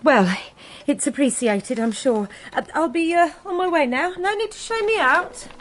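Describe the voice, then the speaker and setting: This actress voices a working-class English woman who dodges questions while pretending to be a grieving sister in an audio drama. She comes across as anxious and insistent, her pitch high with lively intonation, and her speech is fussy, halting and over-apologetic.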